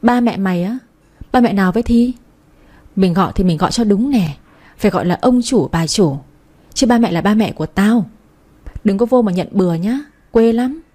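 A woman voicing a blunt, sharp-tongued young woman who taunts her rival. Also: mid-range voice, moderate pace, close to an everyday voice. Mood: mocking. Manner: mocking, taunting.

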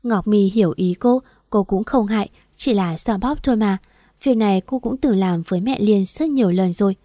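Mellow-voiced woman narrating a story. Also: medium pitch, normal speed, no echo, studio quality.

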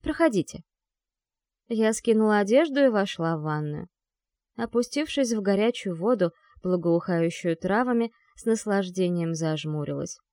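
A woman narrates a fantasy novel in the first person, with a medium-pitched voice that rises and falls in a lively way. Her reading is animated and she acts out the characters' lines. The recording is dry and close, with no room sound. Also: moderate pace, no echo. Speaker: audiobook narrator. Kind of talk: expressive fantasy audiobook reading.

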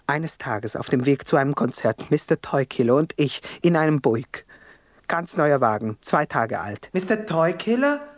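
A man's voice: fairly high pitch, animated, moderate pace, no echo, studio quality, lightly acted. A man playing a brash, haunted death-row rapper. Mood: restless. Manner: agitated profane monologue, street slang. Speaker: narrator of his own story. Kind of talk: radio play monologue.

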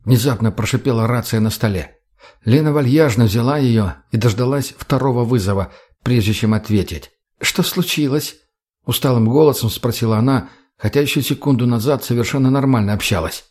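A man narrating an audiobook with steady storytelling. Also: mid-range voice, brisk.

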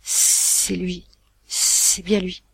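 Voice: medium pitch, flat delivery, creaky, a bit bright, a little hiss or hum, exaggerated voice. A reader voicing a shaken, stammering father. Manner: halting, strained, stammering. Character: shaken timid father, middle-aged man, stammering.

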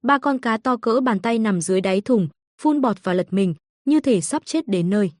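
A woman reading an audiobook story in a steady scripted narration. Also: on the high side, moderate pace, no echo, studio quality.

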